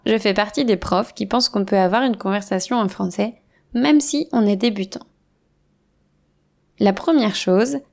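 Woman teaching spoken French, clear and deliberate. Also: medium pitch, a little mellow. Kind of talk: scripted language lesson.

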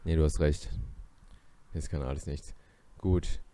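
A man's voice: rumbling low, steady tone, unhurried, mellow, slight background noise. A man co-hosting a casual podcast chat, joking and slipping into mock impressions. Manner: jokey, breaks into mock impressions. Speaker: podcast co-host.

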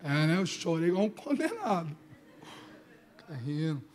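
A young man giving a sermon testimony, telling his story with lively quoted dialogue and shifting loudness. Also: a little high, normal speed. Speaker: preacher.

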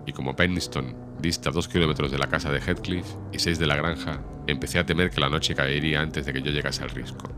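A man narrating a classic novel as an audiobook in a steady, measured storytelling manner. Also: rumbling low. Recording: music behind the reading.

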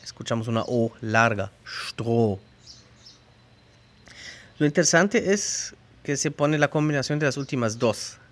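Man carefully teaching pronunciation. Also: medium pitch. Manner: slow, careful demonstration of sounds and spelling. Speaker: language teacher. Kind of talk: explaining pronunciation to learners.

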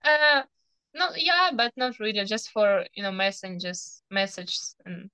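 Bright young Ukrainian woman. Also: medium pitch, clean tone, no room sound, poor audio. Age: young adult. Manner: halting, searching for words, laughs often. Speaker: guest athlete. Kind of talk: casual interview chat. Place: video call. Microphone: video call.

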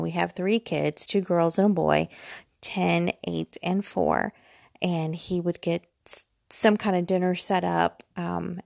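An American woman in her forties, a vlogger, chats casually and digressively while lying in bed in her bedroom at home, rambling in a self-deprecating way. Her voice sits fairly low, with vocal fry. The recording is studio quality with no room sound.

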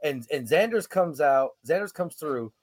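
A man's voice: fairly high pitch, normal speed, no echo, clean studio sound. A man, a wrestler co-hosting a podcast, telling stories in a rambling, restart-heavy way. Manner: rambling, animated storytelling with many restarts. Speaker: pro wrestler, podcast co-host. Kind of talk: casual podcast banter.

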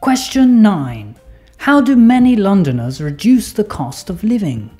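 A woman presenting a listening exercise, reading the questions out clearly and steadily. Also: medium pitch, sing-song, unhurried, dark tone, faint music behind. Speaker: quiz presenter.

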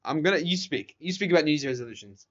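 A man's voice: a little high, lively intonation, fast talker. A young man co-hosting a casual podcast outdoors, talking loosely and laughing over a game. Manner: laid-back, laughing, many fillers. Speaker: podcast co-host. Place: outdoors in a neighborhood. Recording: slightly dull audio.

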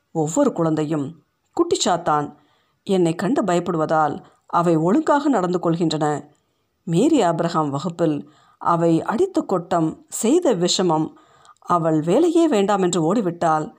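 A woman's voice: lowish voice, big pitch swings, measured pace, long pauses, darkish tone. A woman voicing a bitter, defiant aging schoolteacher with a scornful, cutting way of speaking.

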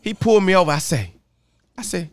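A man hosting a casual podcast, telling stories in a profane, animated way into a studio mic. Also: high voice, a little fast. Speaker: podcast host.

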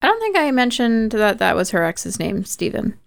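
A woman's voice: a little high, sing-song, moderate pace, vocal fry, dry recording. A woman podcast host casually retelling a movie plot, chatty and full of "like" and "kinda".

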